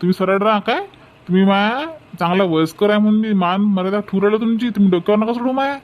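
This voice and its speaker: Guy doing a cocky varhadi young lad, highish fast voice, dull lo-fi sound. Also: close to an everyday voice. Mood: defiant. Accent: Varhadi Marathi. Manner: defiant, whining when caught. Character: cheeky young male troublemaker student.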